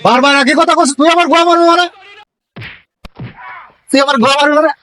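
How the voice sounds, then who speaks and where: Man acting affronted passer-by, Bangladeshi accent, confrontational, very high voice, comedy sketch. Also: steady tone, fast, bright, forceful tone, slight background noise. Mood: indignant. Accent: colloquial Bangladeshi Bengali. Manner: confrontational, repeating questions. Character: indignant, baffled local male passer-by.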